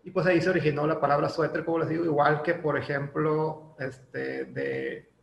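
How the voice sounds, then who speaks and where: A man's voice: fairly high pitch, fairly even intonation, normal speed, creaky, muffled recording. A man with a Mexican Spanish accent teaching an English lesson in a chatty way, using lots of fillers and tag questions. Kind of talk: casual classroom lesson. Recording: echoey room with faint ambient noise.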